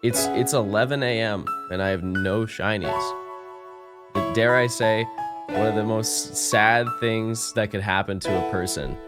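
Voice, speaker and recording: A man livestreaming through a headset mic with a sore throat. He swings between hyped shouting and mock-sad mumbling. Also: lowish voice, steady tone, a little slow. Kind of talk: casual livestream chat. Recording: game music playing behind.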